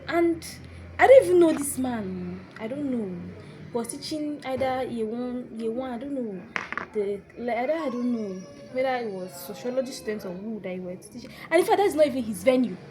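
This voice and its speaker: A young woman with a Nigerian accent telling a story in a vlog, animated and dropping into hushed asides. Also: a little high, a little hiss or hum. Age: young adult. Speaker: vlogger.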